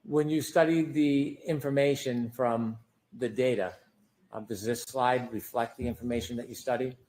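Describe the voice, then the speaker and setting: A man questioning a witness in a formal, measured way, captured in a courtroom recording from a lectern mic. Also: mid-range voice, fairly even intonation, a little mellow. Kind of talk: courtroom examination. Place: courtroom, recorded for a live trial broadcast.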